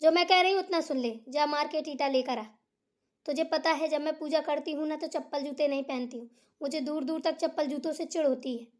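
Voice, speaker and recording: A woman voicing an aging village mother who is bossy and short-tempered, yelling shrilly and muttering to herself. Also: sits high, fairly even intonation, brisk, natural voice. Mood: scolding. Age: older. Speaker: cartoon character voice. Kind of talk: cartoon voice acting.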